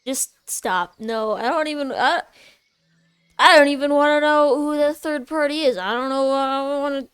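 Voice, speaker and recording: A woman giving casual, excitable commentary while she plays a video game, often squealing with delight. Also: sits high, normal speed, no room sound, studio quality. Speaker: gameplay streamer.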